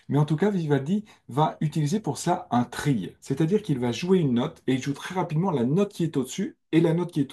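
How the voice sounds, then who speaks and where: Mellow-voiced man teaching music. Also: medium pitch, breathy edge. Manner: slow, careful explanations over recorded music. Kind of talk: spoken music lesson.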